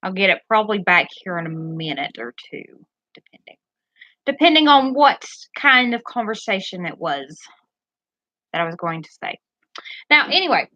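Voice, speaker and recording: A woman chatting on a home live stream from her bedroom, a little nervous and rambling as she loses her train of thought. Her voice is bright and lively and rises and falls a lot. The sound is dry and a bit muffled. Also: mid-range voice, normal speed, no echo. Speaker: tarot reader and streamer. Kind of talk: casual live-stream chat. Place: bedroom at home, pets nearby.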